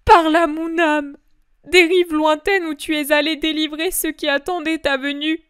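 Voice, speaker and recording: A woman's voice: high voice, little pitch movement, moderate pace, a bit bright, no room sound, clean studio sound, pitched above the performer's own voice. A woman voicing the grieving mother of Jesus, imploring and sobbing in a breaking voice, in a dramatic religious reading. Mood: anguished.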